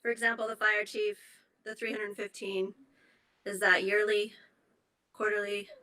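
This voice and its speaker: Bright-voiced questioning woman councillor. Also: medium pitch, flat delivery, a little slow, rough recording. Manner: inquisitive, apologetic, questioning. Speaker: council member. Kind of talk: council discussion.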